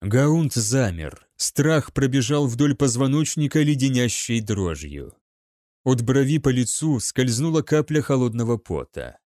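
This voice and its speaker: A man's voice: medium pitch, big pitch swings, a little slow, warm tone, no echo, clean studio sound. A man reading an audiobook with dramatic, scripted narration. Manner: dramatic storytelling.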